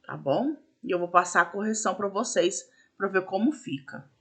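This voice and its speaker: A woman's voice: mid-range voice, animated, normal speed, slightly rough. A woman teacher patiently explaining a school lesson step by step, with frequent fillers. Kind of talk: recorded classroom lesson.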